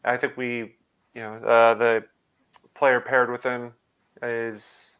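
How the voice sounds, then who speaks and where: Brief: man, trivia host on a video call, smooth clear tone, halting with fillers. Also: medium pitch, flat delivery, a bit bright. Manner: hesitant, many fillers and restarts. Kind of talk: live online quiz hosting.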